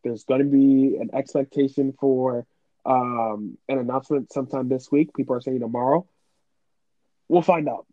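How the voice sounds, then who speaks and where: A man co-hosting a podcast, chatting casually and in an animated way about football, with quick asides. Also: medium pitch, no echo, narrow, tinny audio. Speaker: podcast co-host. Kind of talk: casual sports podcast chat.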